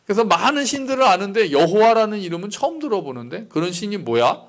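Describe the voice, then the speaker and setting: Pastor doing a haughty old king, sneering and dismissive, voice jumps higher. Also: big pitch swings, fast talker. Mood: scornful. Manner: contemptuous, dismissive. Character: proud scornful ancient Egyptian king, male.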